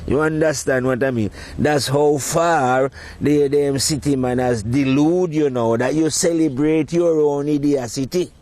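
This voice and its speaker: A man talking in a casual, rambling monologue, provocative and quick to laugh at his own points. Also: on the high side, darkish tone. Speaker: podcast host.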